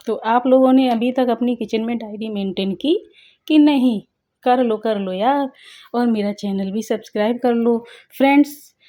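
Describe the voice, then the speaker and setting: A woman's voice: a little high, mellow. A middle-aged woman narrating her home vlog in a chatty, playful way, joking with viewers as she goes. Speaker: vlogger.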